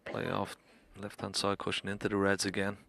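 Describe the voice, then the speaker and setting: A man giving snooker commentary in short, measured observations between shots. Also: deep voice, monotone, vocal fry, very noisy.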